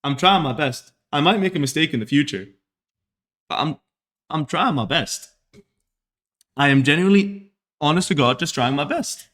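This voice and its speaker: A young man from Saudi Arabia talks to his live stream chat in a casual, earnest way. He circles back and repeats himself as he reflects. His voice sits slightly high for a man. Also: expressive, moderate pace, pauses often, fairly bright tone. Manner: earnest, repetitive, self-reflective. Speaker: streamer hosting a podcast.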